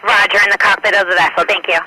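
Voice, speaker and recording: A man's voice: high voice, fairly even intonation, very fast, pushed and bright. A man working as a coast guard radio operator, speaking in radio procedure over a crackly military radio. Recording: crackly, noisy VHF radio transmission.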